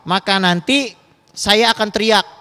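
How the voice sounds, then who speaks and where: A rich young woman from a sermon story, coaxing and threatening, as a male preacher puts her on. The voice sits a little high. A long hall reverb trails every phrase. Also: unhurried, sharp tone.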